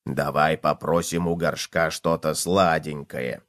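A man voicing a male cockroach in a children's storybook, talking in a low, hushed, drawn-out way. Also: fairly even intonation, dry recording, studio quality. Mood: delighted. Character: deep slow excitable male cockroach. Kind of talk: storybook reading.

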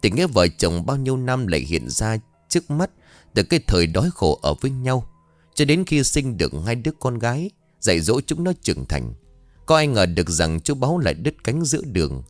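A man tells a ghost story in a low voice that swings through a lively, wide range of pitch. His delivery is suspenseful and expressive. The sound is dry and close, with faint music under it. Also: fairly quick, no echo. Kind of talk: scripted ghost story narration.

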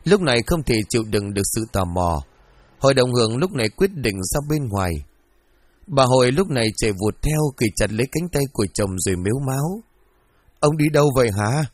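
Lively male horror story narrator. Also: mid-range voice, brisk.

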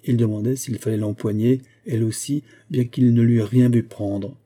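Male audiobook reader, mid pitch, very warm dark timbre, husky, measured literary delivery. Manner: measured, expressive novel reading. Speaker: audiobook narrator.

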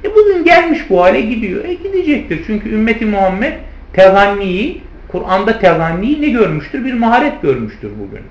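A man's voice: high-pitched, sing-song, brisk. A man teaching a theology lesson, who keeps asking rhetorical questions and answering them himself, and who calls his listeners friends. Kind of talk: lecture on hadith commentary. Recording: roomy, slightly dull lecture recording.

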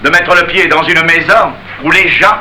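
A man's voice: a little high, normal speed, bright, forceful tone, low-quality recording. An actor playing a pompous older male suitor, blustering and drawling his insults in a theatrical stage manner. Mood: haughty. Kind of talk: 1930s stage-style radio acting. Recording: hissy old archive recording.

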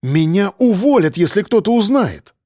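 Male narrator voicing a flustered doctor, higher pitch, dry close sound, protesting manner. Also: big pitch swings, warm tone, no room sound. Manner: indignant, quick to protest.

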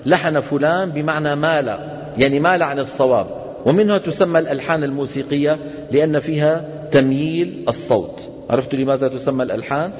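Guy teaching tajweed, kinda high voice, long echo in the hall, keeps quizzing the class. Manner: quizzes students with quick questions and answers. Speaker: Quran recitation teacher.

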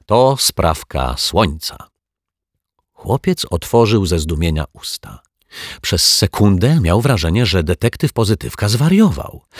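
A man calmly reading a children's story aloud, talking straight to the young listener. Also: deep voice, creaky, breathy edge, no room sound, clean studio sound. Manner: calm, measured, speaks to the young listener.

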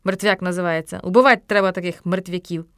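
A woman voicing a bossy, excitable boy who orders his friends about in a theatrical way. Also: fairly low pitch, quick pace, no room sound, clean studio sound, lightly acted.

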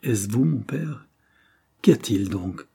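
Guy reading a dazed half asleep young man, slow, husky. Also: on the low side, animated, mellow, heavily acted. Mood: bewildered. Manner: slow, bewildered.

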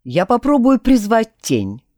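A woman voicing a wary, sharp-tongued young male necromancer, talking tersely. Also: fairly high pitch, huge pitch swings, measured pace, no echo, studio quality, full character voice.

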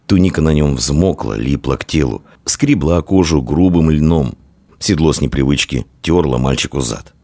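A man narrating an audiobook in an expressive, dramatic storytelling manner. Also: a bass voice, normal speed, dry recording.

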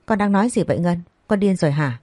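A woman's voice: on the low side, animated, quick pace, dark tone, no room sound, clean studio sound. A woman voicing an angry, scolding middle-aged mother in a storybook reading. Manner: harsh scolding.

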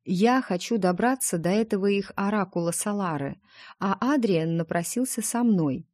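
A woman's voice: mid-range voice, normal speed, darkish tone, no echo, clean studio sound, voice pushed up, lightly acted. A woman reading the part of a chatty, playful young heroine in an audiobook, wheedling her dragon friend.

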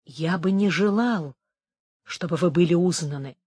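A woman voicing an anxious, secretive old male duke who speaks low and cautiously, in a storybook reading. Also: unhurried, darkish tone, slightly rough, no room sound. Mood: hushed.

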